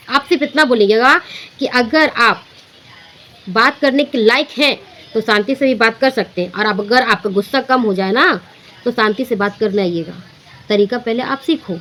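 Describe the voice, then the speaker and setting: Brief: earnest woman, higher-pitched voice, coaching listeners, repeats herself, light noise behind her. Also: bright, forceful tone, rough recording. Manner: earnest and instructive, repeats and restarts phrases. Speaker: motivational speaker. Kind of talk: unscripted motivational talk.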